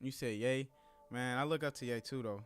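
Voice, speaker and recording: A man's voice: medium pitch, brisk, clear, resonant tone, soft background music. A man who has just turned thirty, chatting casually with viewers during a live trading stream in a laid-back, rambling way. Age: 30s.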